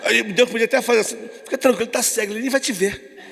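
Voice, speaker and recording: Husky, gravelly Brazilian preacher. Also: male voice, extremely high pitch, racing, a bit bright, in a large hall. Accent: Brazilian Portuguese. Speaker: youth preacher. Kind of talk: lively evangelical sermon.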